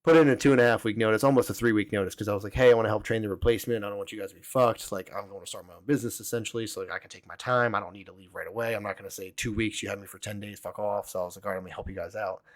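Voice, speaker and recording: A young man tells his own story at a rapid clip, swearing freely and scattering "like" through every sentence. His voice sits on the low side, and the sound is close and dry with no room around it. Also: fairly even intonation, no room sound. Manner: rambling, profane, heavy use of "like". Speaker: podcast host. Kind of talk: casual storytelling.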